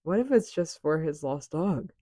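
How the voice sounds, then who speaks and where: A woman voicing an earnest, polite, curious young actress in an anime fan dub, with theatrical, deliberate, formal phrasing. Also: low-pitched, lively intonation, mellow, no room sound, studio quality. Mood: pensive, absorbed.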